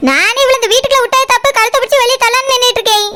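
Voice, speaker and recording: A woman voicing a sharp-tongued, scolding cartoon house owner with a Kanyakumari Tamil accent. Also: extremely high pitch, fairly even intonation, rapid-fire. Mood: scornful. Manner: scornful, scolding. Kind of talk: cartoon voice acting.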